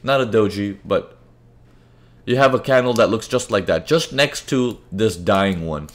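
Raised in several countries by Indian parents, this man hosts a live trading webinar where he talks through charts casually, regularly checks in with viewers, and answers chat questions. He speaks at a measured pace in a lowish voice.

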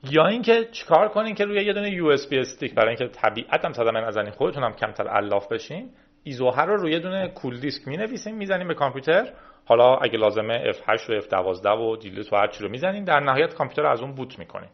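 Chatty man walking through a software install. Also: mid-range voice, sing-song, muffled recording. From Iran. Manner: chatty, explains steps while clicking through menus. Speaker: tech video host. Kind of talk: casual screen-recorded tutorial.

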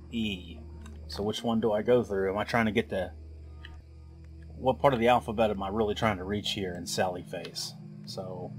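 A man with a somewhat low voice narrates a gameplay session at an unhurried, slow pace. He thinks aloud as he works out puzzles and tosses in wry remarks. Game music plays clearly under his voice. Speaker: let's play host. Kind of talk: gameplay commentary.

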